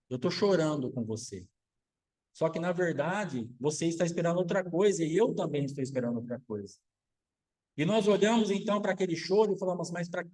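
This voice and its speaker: A man's voice: sits high, a little mellow, poor audio. A man, a pastor, preaching a sermon, asking rhetorical questions and acting out quotes.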